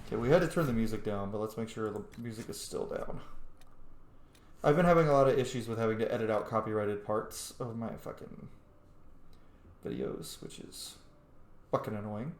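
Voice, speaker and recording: Recorded in an echoey room with faint background noise, this male gaming host delivers casual gameplay commentary that's opinionated, rambling, and sweary. His voice is on the low side, at normal speed with long pauses.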